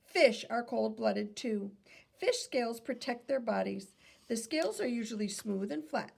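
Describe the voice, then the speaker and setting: With a fairly high, creaky, darkish voice, a woman reads to children like a teacher would. She keeps it instructive and pauses to put questions to her young audience.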